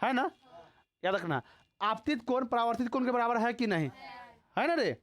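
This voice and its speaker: A man's voice: very high voice, expressive, normal speed, fairly bright tone. A male school teacher with a Bihari Hindi accent lectures a live class on physics. He talks to the students in short repeated questions and checks whether they have understood. He mixes in scolding and teasing. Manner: repeatedly quizzes students, scolds and teases them.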